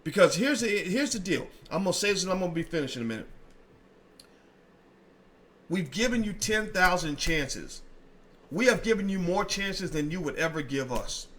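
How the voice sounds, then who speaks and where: A man's voice: high-pitched, animated, moderate pace, pauses often, fairly bright tone. A man podcast host speaking in a blunt, emphatic monologue, repeating phrases, with a slight odd sound in his teeth from dental work. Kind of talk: opinionated monologue to camera.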